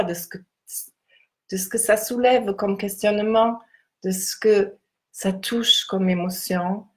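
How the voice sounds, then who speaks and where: A woman teaching in a guided meditation style, speaking in a measured, instructive way with deliberate pauses as she leads a contemplative reading. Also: mid-range voice.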